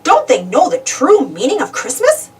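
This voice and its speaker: A woman voicing an excitable, self-centred male cartoon duck from a storybook, exclaiming and wondering aloud eagerly. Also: sits high, moderate pace, distant mic, pitched above the performer's own voice. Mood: baffled.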